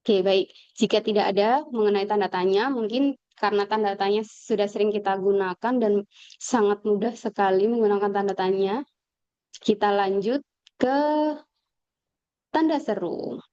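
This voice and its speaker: A woman teacher explaining a lesson slowly on a video call, with fillers and pauses. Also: medium pitch, warm tone, smooth, no echo. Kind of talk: online class lecture. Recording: dull lo-fi video call audio.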